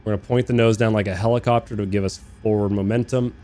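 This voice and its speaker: Young man, game streamer, low voice, casual rambling chat, swears freely, talks to chat. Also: steady tone, fast. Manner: bursts into loud incredulous rants. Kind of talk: casual live-stream chat while flying a flight sim. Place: living in Australia.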